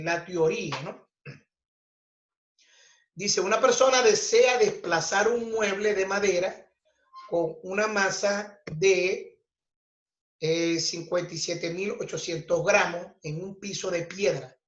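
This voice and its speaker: Slow, deliberate male teacher. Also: sits high, fairly bright tone. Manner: slow, deliberate explaining, checks in with "ok?" constantly. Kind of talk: recorded physics lesson. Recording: roomy, dull lo-fi recording.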